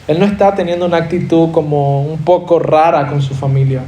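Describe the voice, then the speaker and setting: A man's voice: on the high side, fairly even intonation, fairly quick, warm tone, reverberant. A man preaching a sermon as pastor, earnest and driving home points with rhetorical questions. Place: church hall.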